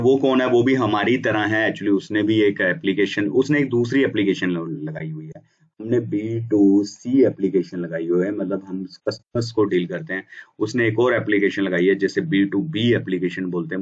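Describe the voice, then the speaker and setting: Man, low deep voice, casual explainer, restarts words, distant mic, muffled sound. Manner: explanatory, restarts words, mixes English terms. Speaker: instructor explaining bulk SMS business. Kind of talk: casual whiteboard lesson.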